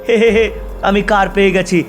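A man's voice: high voice, steady tone, a little fast, soft background music, natural voice. A man voicing a goofy male zombie who fumbles a car in a game video. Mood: panicky. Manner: panicky, giggling. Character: goofy male zombie, a clumsy first-time driver.

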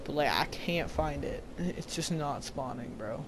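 A man's voice: a little high, expressive, a little slow, background noise. A young man giving casual gameplay commentary, grumbling and slangy as he plays. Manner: frustrated, slangy, mumbling to himself. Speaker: gamer.

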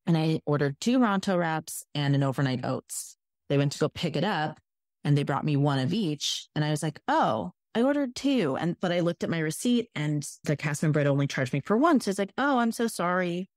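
A woman's voice: low-pitched, fairly quick, no echo, clean studio sound. A woman guest on a podcast, telling stories in a casual chat and acting out what people said. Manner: animated, acts out quoted voices.

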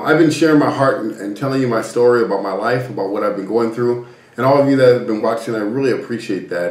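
A man telling his life story as a personal testimony, earnest and animated, filling his talk with "you know" and "um". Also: medium pitch. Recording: roomy echo, a bit distant from the mic.

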